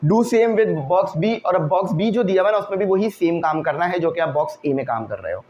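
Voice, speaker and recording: A man teaching an English vocabulary lesson, who explains each word slowly, checks in with "okay" and puts questions to the class. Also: sits high, lively intonation, a little mellow, slight background noise.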